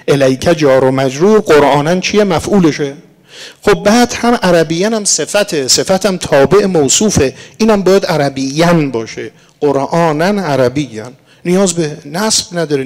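This sermon comes from a man whose voice is a touch high and somewhat mellow. He speaks in an instructive way, calling his audience dear ones and reciting verse and Arabic as he teaches.

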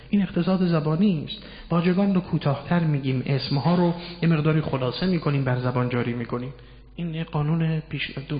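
Man lecturing in an echoey hall. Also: fairly high pitch. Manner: explains step by step, quotes Arabic verses slowly. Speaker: religious lecturer. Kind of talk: Quranic commentary lecture. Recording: roomy hall echo, dull lo-fi sound.

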